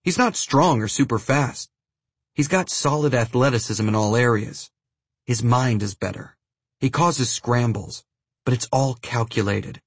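A man reads scripted audiobook narration in a husky voice with a middling pitch. The sound is dry and close, with no room around it. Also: unhurried, no room sound.

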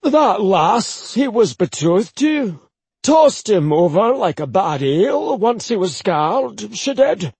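A man voicing an older Scottish uncle, gossipy and indignant, in a high, sing-song way. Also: sing-song, slow pace, darkish tone, breathy edge, no room sound, exaggerated voice.

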